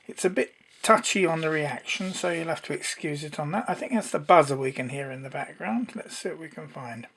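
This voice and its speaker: A fairly bright, mid-pitched voice leads an electronics demonstration, showing each step and describing it in plain terms. The manner is easygoing and unrushed.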